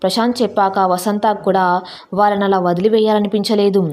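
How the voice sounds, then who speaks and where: A woman reads a scripted story with emotive, dramatic delivery. Her voice sits at a middle pitch for a woman. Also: steady tone, brisk, darkish tone. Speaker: narrator.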